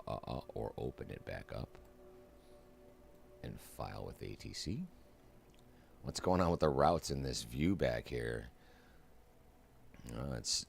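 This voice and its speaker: Very deep gravelly man streaming a sim. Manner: chatty, self-mocking, narrates each step aloud. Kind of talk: casual gameplay commentary.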